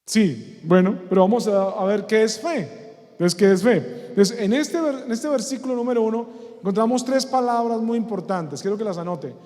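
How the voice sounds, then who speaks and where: A man's voice: sits high, expressive, normal speed, a little mellow. A male pastor preaching a sermon, often putting questions to the congregation and repeating key words. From Colombia. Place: church hall. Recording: long church hall reverb.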